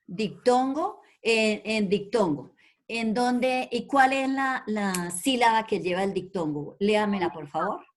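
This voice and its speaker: A woman's voice: mid-range voice, lively intonation, a little slow. Woman teacher, online class over video call, patient and affectionate, repeats questions. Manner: patient, calls pupils by name and repeats questions; affectionate with pupils. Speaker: primary school teacher.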